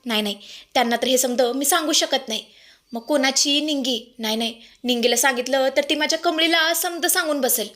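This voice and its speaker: A woman's voice: sits high, brisk, fairly bright tone. A woman voicing an anxious, loyal maidservant who frets aloud to herself. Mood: worried. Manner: fretful, talking to herself.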